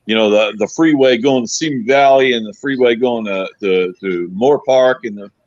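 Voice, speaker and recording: A man's voice: medium pitch, normal speed, no room sound. Friendly, hesitant man on a dull line. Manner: friendly, hesitant, many fillers. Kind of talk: casual chat.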